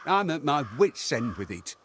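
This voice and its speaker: A man acting a superstitious, plaintive rustic farmer in a video game, with a husky, colloquial delivery. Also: a little high, very animated, moderate pace, a bit bright, slight background noise. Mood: worried, pleading.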